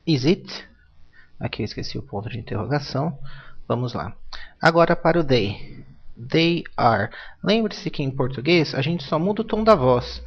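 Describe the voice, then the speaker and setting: A man from Brazil teaching an English grammar lesson, explaining patiently and modeling English phrases aloud. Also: mid-range voice. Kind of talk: recorded classroom lesson. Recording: dull lo-fi recording.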